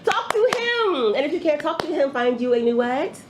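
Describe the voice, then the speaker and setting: A woman's voice: high-pitched, quick pace, background noise. A woman from New Jersey hosting a candid advice podcast, talking bluntly with profanity and frequent laughter. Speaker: podcast host.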